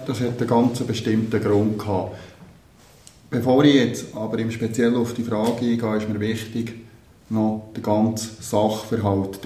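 Low, mellow man, thoughtful. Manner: earnest, thoughtful, with hesitations. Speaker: percussion teacher. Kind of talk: interview answers. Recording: roomy echo.

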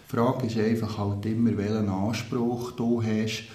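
A man's voice: lowish voice, level tone, unhurried, a little mellow. A man, a percussion teacher answering interview questions earnestly and thoughtfully, with small hesitations. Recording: roomy echo.

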